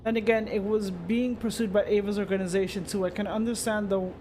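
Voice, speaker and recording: A man streaming and reading a story game aloud in first person, steady with occasional slips and restarts. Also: high voice, a little fast, a little hiss or hum.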